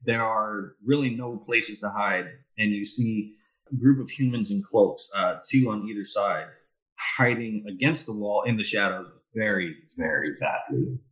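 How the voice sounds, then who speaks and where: A man running a tabletop game as game master, setting scenes in an unhurried way with plenty of fillers. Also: lowish voice, fairly bright tone, distant mic, low-quality recording.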